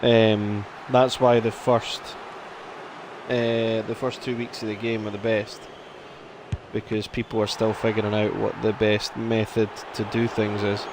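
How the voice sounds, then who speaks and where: A man's voice: on the low side, little pitch movement, measured pace, noisy background. Chatty man streaming a game. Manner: chatty, rambling, reacts loudly to play. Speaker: gaming streamer. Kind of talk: casual live-stream commentary.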